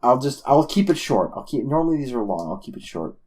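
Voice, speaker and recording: A man co-hosting a casual podcast, talking in a lively way that often breaks off mid-thought, with casual swearing. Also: mid-range voice, fast. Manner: animated, self-interrupting, swearing. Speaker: podcast co-host.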